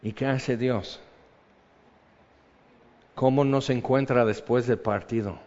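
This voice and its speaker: Middle-aged preacher, lively storyteller; dull recording with a long hall echo. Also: male voice, slow pace. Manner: animated storytelling, acts out voices with big jumps in pitch and loudness. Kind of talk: sermon.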